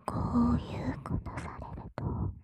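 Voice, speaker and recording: A woman's voice: moderate pace, darkish tone, lightly acted. A woman playing a sweet, teasing, soothing young attendant in a whispered role-play, speaking right into the listener's ear.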